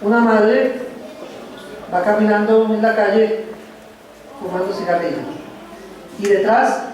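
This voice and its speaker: A man preaching a sermon as a pastor, slow and reflective, pausing between phrases. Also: sits high, steady tone, darkish tone. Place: church sanctuary. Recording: echoey church hall from far off.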